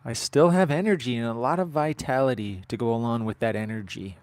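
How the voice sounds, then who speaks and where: A man in his thirties hosts a casual live stream while working outdoors on his farm. His voice sits in an ordinary middle pitch and the sound is dry, with no room echo. He rambles from topic to topic and keeps throwing joking asides to the people watching. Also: a little fast, darkish tone. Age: 30s. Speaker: livestream host.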